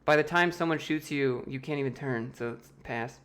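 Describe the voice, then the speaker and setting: In a casual livestream Q&A, an American host with a mid-range, fairly bright voice reads viewer questions from chat and answers offhand. He talks into a desk mic from a room at home, loose and joking, with quick jokes between answers.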